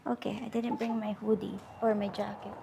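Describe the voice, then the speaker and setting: A woman's voice: mid-range voice, little pitch movement, normal speed, vocal fry, noisy background. A young woman, chatting casually in a travel vlog, switching between Tagalog and English and laughing often as she walks city streets. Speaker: travel vlogger.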